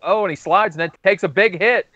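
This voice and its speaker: A man calling football plays live, describing each snap in steady descriptive runs. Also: high-pitched, brisk, no echo, lo-fi sound. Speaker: play-by-play announcer. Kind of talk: live play-by-play commentary.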